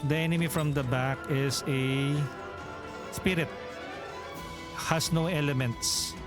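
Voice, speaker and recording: Music plays under this Filipino-accented streamer from the Philippines as he works through a role-playing game's menus, reading them out, thinking aloud and chatting with viewers. His voice is a little high, fairly even in intonation, and slow.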